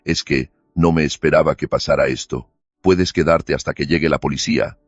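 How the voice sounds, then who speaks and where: A man's voice: very deep voice, moderate pace, no room sound. A man voicing a shaken young woman lawyer whose husband has just died, speaking with a tense, trembling restraint. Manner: tense, shaky, flat even when upset. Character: anxious young woman lawyer, newly widowed. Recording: dull lo-fi recording with faint music.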